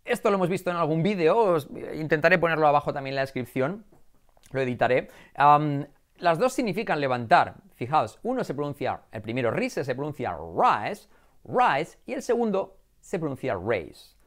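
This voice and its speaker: Male English teacher from Spain, Spain Spanish accent, very expressive voice that swings high and low, repeats each English word many times while drilling pronunciation. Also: fairly quick. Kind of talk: online English pronunciation lesson.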